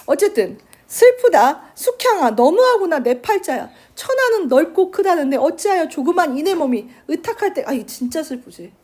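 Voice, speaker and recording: A woman teacher giving a chatty literature lecture, acting out the characters' lines in quick asides. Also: extremely high pitch, mellow. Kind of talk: lively lecture retelling a classic novel.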